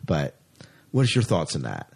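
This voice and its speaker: This podcast co-host chats casually and with enthusiasm about science fiction news. His rumbling low voice swings hugely in pitch, sounding creaky and darkish with a breathy edge, at a moderate pace.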